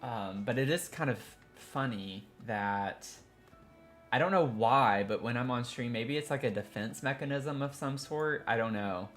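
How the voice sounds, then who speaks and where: A man's voice: mid-range voice, unhurried, a bit bright, soft background music. A man from Tennessee with a Southern accent, chatting casually on a live stream in a rambling, self-interrupting way. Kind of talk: casual live-stream chat while building in a game.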